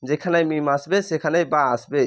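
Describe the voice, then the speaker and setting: A man teaching Quran reading, spelling each word letter by letter and then stretching out the whole word slowly. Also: on the high side, fairly even intonation. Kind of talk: spelling-out recitation lesson.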